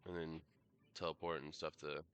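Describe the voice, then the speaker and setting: A man streaming a game in casual live commentary, rambling and hesitant with many fillers and self-corrections, coughing and clearing his throat now and then. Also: very deep voice, little pitch movement, normal speed, fairly bright tone.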